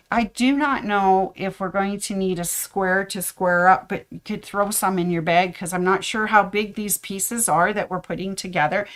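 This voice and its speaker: Chatty, slightly hoarse woman. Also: mid-range voice, fairly bright tone. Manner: chatty, rambling with fillers and asides. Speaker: sewing shop host. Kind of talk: casual tips video.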